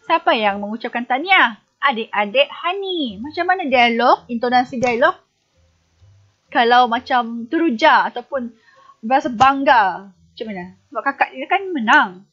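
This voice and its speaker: A woman's voice: on the high side, expressive, normal speed, dull audio. A woman primary school teacher giving a recorded online lesson, patiently asking the pupils questions and answering them herself.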